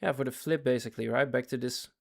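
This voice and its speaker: Quick and full of vocal fry, a medium-pitched male voice belongs to a day trading livestreamer casually commenting on his trades for chat. His voice is giving out, so he speaks in fits and starts, repeats himself, and asks viewers whether they follow.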